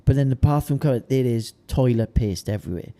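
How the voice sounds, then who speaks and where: A man's voice: medium pitch, a little fast, warm tone. A young man from the South Wales valleys with a Welsh Valleys accent, chatting casually in a laddish, colloquial way. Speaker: podcast co-host, amateur bodybuilder. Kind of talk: casual chat, anecdotes.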